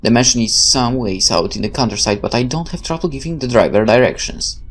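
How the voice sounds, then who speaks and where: Hosting a let's play, this man talks fairly quickly in a mid-range voice with lively intonation. He alternates between offhand remarks and reading the game's narration aloud over background video game music.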